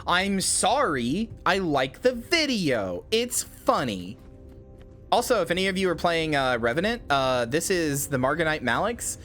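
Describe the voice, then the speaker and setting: A man's voice: a little high, sing-song, a little slow, faint music behind. Rambling, foul-mouthed man streaming a game. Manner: rambling, full of fillers, swears and loud outbursts. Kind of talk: casual gameplay commentary.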